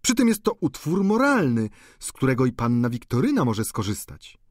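Audiobook figure: shrill, gossipy older landlady, voiced by a man, high and exclaiming. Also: huge pitch swings, normal speed, no room sound, clean studio sound. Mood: coaxing.

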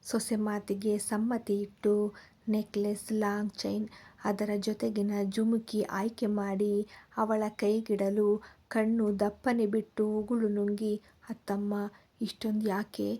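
Slow, calm woman storyteller. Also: mid-range voice. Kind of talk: scripted story narration.

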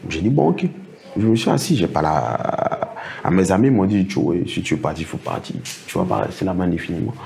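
Middle-aged man, low dark voice, interview guest who tells anecdotes and acts out dialogue. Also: lively intonation, a little fast, creaky. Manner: recounts anecdotes, acts out others' words. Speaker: interview guest, project financing consultant. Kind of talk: storytelling in a casual interview.

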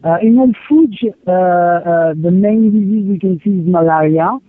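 A man working as an aid field coordinator, answering interview questions over a distorted satellite phone line, hesitant with many pauses and filler sounds. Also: sits high, no echo.

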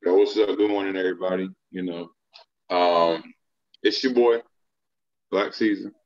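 A man's voice: sits low, steady tone, moderate pace, a little mellow. An American man speaking in casual slang on a video call with dull audio.

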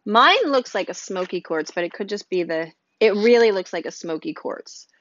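A woman's voice: medium pitch, expressive, normal speed, a bit bright, no echo, lo-fi sound. A woman chatting casually at home as she unboxes a subscription box, rambling and reading items aloud with asides. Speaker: unboxing vlogger. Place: room at home, storm outside.

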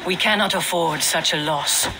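An actor playing a cautious, dutiful Norse god in a video game, giving formal counsel. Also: male voice, on the high side, normal speed, vocal fry, a crowd in the background, rough recording. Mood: cautionary.

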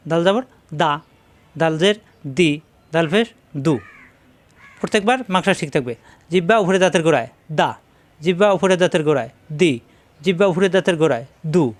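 A man teaching letter pronunciation, briskly drilling syllables over and over. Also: a little high, animated. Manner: brisk drilling, repeats syllables slowly then quickly. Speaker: Quran recitation teacher. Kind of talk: pronunciation lesson.

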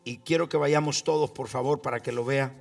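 A man preaching a sermon as pastor, speaking slowly with fillers and calling on the congregation to repeat after him. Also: medium pitch, fairly even intonation, gravelly, distant mic, faint music behind.

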